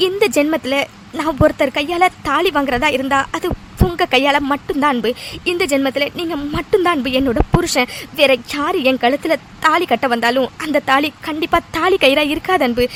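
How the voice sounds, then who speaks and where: A woman's voice: sits high, a little hiss or hum, lightly acted. A woman voicing a lovesick young female doctor in a cartoon serial, tearful and pleading. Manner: tearful, pleading, repeats his name.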